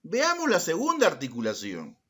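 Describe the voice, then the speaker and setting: A man's voice: fairly high pitch, wildly swooping pitch, normal speed, bright, forceful tone, breathy edge. A male schoolteacher teaching a class, calling on students by name, repeating their answers and posing questions in their voice. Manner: asks rhetorical questions in the students' voice. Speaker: secondary school language teacher.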